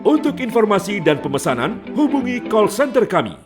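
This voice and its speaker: Animated male infomercial announcer over loud music. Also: high voice, moderate pace. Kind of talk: scripted infomercial sales narration.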